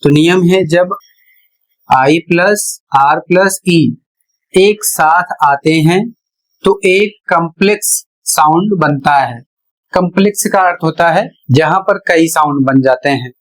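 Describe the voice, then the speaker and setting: A teacher explaining English pronunciation rules one step at a time, in a measured, repetitive way. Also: mid-range voice. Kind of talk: slow explanatory lesson narration.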